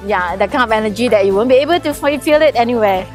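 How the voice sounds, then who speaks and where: A woman's voice: on the high side, expressive, fast. Earnest woman from Singapore, faint music. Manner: earnest, hesitant with fillers. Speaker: volunteer giving a testimonial.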